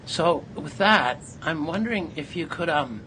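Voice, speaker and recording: A man interviewing an artist, speaking in an effusive, halting way with many fillers. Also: a little high, lively intonation, bright, forceful tone. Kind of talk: conversational interview. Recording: noisy background ambience.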